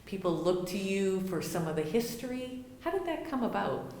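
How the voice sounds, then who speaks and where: A woman's voice: medium pitch, very animated, normal speed, vocal fry, a little mellow, echoey room, a little hiss or hum. A woman interviewing a guest, asking questions and offering affirming comments. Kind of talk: conversational interview.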